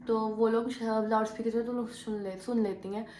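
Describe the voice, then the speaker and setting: A woman's voice: fairly high pitch, normal speed, slight background noise. A young woman vlogger casually recounting a story, acting out the quoted arguments as she goes. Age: young adult. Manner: animated retelling, acts out quoted arguments. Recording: echoey room.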